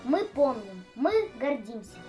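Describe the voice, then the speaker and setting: A woman's voice: sits high, very animated, slow pace, warm tone. A female school radio host reading a scripted commemorative narration as an earnest recitation. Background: music.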